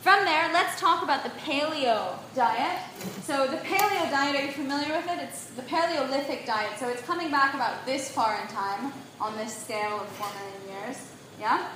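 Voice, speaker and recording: A woman with a high, bright-pitched voice lectures on nutrition to a live audience. She speaks emphatically and keeps checking in with her listeners. The sound bounces heavily around a reverberant room, with a faint hiss underneath. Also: normal speed. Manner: emphatic and animated. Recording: very echoey room.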